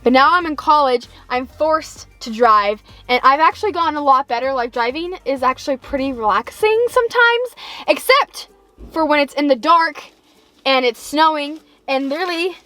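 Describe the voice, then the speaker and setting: A young woman vlogger in a casual, comedic rant to viewers, chatty and animated as she complains with exaggerated emphasis. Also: sits high, normal speed. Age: late teens to young adult. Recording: music behind the voice.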